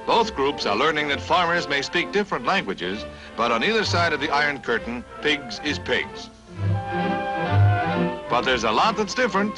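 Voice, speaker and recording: A man's voice: a little high, low-quality recording. A man narrating a 1950s newsreel in a punchy, dramatic announcer style, dropping wry quips between the headlines. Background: music.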